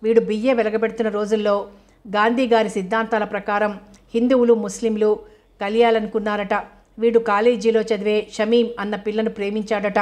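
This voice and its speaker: A woman voicing a fierce older woman who scolds and accuses in an audio novel, in a flat, level tone. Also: mid-range voice, brisk, lightly acted. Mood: bitter.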